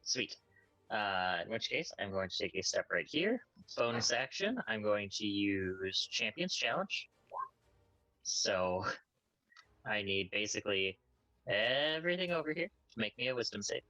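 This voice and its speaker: A man's voice: fairly low pitch, big pitch swings, a little slow, sharp tone, no echo, dull audio. A man playing a tabletop role-playing game, talking casually through his moves.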